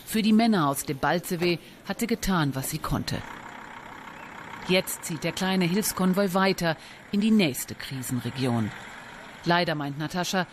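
A woman reporting as a news correspondent, reading her report clearly and answering live with some hesitations. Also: fairly low pitch, lively intonation, a little slow, a little hiss or hum. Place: on location outdoors.

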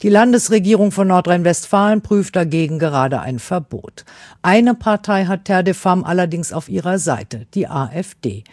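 A woman reporter narrating a scripted news feature in a measured, even delivery. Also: fairly low pitch, dry recording, studio quality.

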